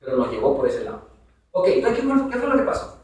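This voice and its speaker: Lively preacher in an echoey hall. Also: male voice, on the high side, fast, distant mic. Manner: conversational, asks the congregation questions. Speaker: Bible teacher. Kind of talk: Bible study teaching. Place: church hall.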